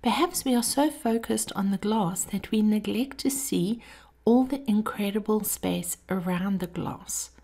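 A woman podcast host giving a scripted motivational monologue in an intimate, measured way, her breathy voice often dropping toward a whisper. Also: mid-range voice, warm tone.

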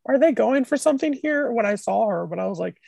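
A woman co-hosting a film podcast in a wry, offhand way. Her voice is gravelly and husky, recorded dry and close. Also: fairly high pitch, animated, fast, a little mellow, no room sound. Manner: wry, swears casually. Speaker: podcast co-host. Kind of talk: casual film podcast chat.

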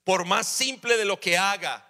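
A man's voice: high voice, measured pace, bright, forceful tone. A man in his forties preaching a sermon in a church, acting out little family dialogues with humor. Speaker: pastor. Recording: church hall reverb.

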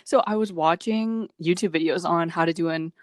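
A woman's voice: on the low side, normal speed, no room sound, studio quality. A young woman co-hosting a casual podcast chat, giggling often and rambling with lots of fillers. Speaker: podcast co-host.

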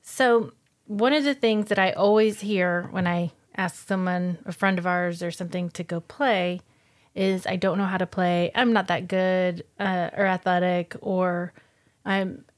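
A woman's voice: on the low side, fairly even intonation, a little slow. A middle-aged woman co-hosting a podcast in casual chat, patiently reading out facts and figures. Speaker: podcast co-host.

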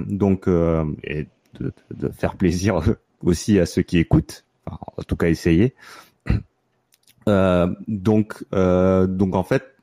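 A man, hosting a casual podcast chat and talking in a relaxed way with many fillers and restarts. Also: low-pitched, takes it slowly, dry recording, studio quality. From France, near Marseille. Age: 30s. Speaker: podcast host.

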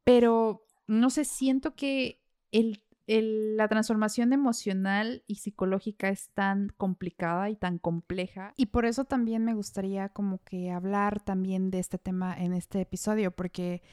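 A woman's voice: medium pitch, fairly even intonation, a little slow, mellow, smooth. A Mexican woman hosting a podcast, chatting casually with lots of fillers and little laughs. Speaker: podcast host.

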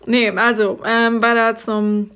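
A woman's voice: fairly high pitch, level tone, slow pace, a bit bright. A woman co-hosting a casual chat about a reality show, laid-back and chiming in with short quips. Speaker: podcast co-host.

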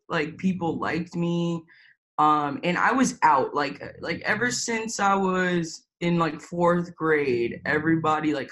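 A woman's voice: fairly low pitch, a bit bright, a little hiss or hum, low-quality recording. A young woman from Florida talking candidly in an interview, hesitant, full of fillers and the odd swear word. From Tampa, Florida, USA. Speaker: interview guest. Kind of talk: personal interview.

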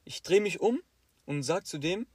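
A man's voice: moderate pace, slightly rough, dry recording. A young man, casually telling a story and acting out the people in it. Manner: animated, acts out quoted teachers with louder higher bursts. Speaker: podcast co-host.

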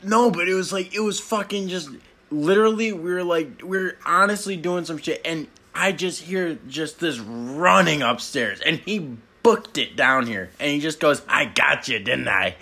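A man's voice: on the high side, normal speed, sharp tone. A young man in casual chat, rambling through a story with lots of fillers. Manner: rambling storyteller, heavy use of "like". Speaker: podcast co-host.

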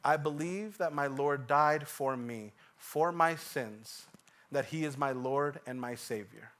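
A pastor in his thirties from Ecuador preaching a sermon, swinging from hushed asides to loud emphatic lines and repeating phrases for weight. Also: medium pitch, slow pace.

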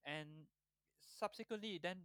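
A man's voice: high voice, normal speed, a bit bright, clean tone, no room sound. A man in his twenties from Singapore, talking thoughtfully as an interview guest with frequent restarts. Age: 20s. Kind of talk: conversational interview.

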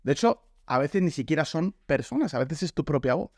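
Spanish male preacher, high, very animated voice, jokey, dry close sound. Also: brisk, no room sound. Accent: Spain. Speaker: pastor. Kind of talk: sermon.

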